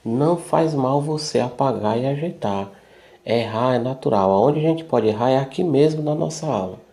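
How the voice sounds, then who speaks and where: Gravelly-voiced patient male schoolteacher. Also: medium pitch, normal speed, mellow. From Brazil. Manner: patient, repetitive, checks in with "tá certo?". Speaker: primary school teacher. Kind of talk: online class explanation.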